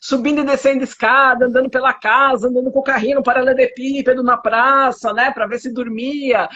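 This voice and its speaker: Brazilian woman psychotherapist, husky and high-ish voice, emphatic and indignant, lo-fi audio. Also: steady tone, brisk, sharp tone. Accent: Brazilian Portuguese. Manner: emphatic, indignant, rhetorical questions. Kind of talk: conversational interview. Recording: dull lo-fi audio.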